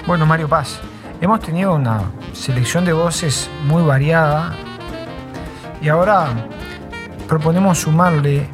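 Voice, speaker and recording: A man hosting a radio show, giving unhurried, reflective commentary between songs and often ending thoughts with a tag question. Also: fairly high pitch, over music. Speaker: radio host.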